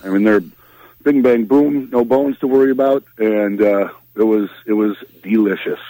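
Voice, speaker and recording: A man's voice: lowish voice, moderate pace, dark tone, dry recording, rough recording. A man with a Minnesota accent, chatting casually on the radio from a fishing trip, easygoing and full of fillers. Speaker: radio host on remote from ice fishing trip. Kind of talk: casual radio phone-in chat.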